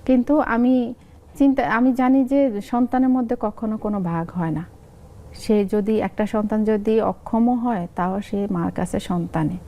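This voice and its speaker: A woman's voice: mid-range voice, moderate pace. A middle-aged woman with a Noakhali accent, a guest chatting in an interview and acting out family dialogue as she tells stories. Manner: lively storytelling, acts out family dialogue. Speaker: content creator guest. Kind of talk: casual interview talk.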